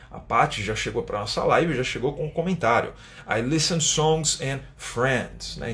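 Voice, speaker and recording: A Brazilian man teaches in a relaxed, conversational way on a live stream, at an ordinary mid-range pitch for a man. He explains things step by step, checks in with listeners and tags his sentences with quick "né?" asides. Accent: Brazilian Portuguese. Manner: chatty, explains step by step, tags sentences with "né?", reads viewer comments aloud. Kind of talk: casual live-stream lesson.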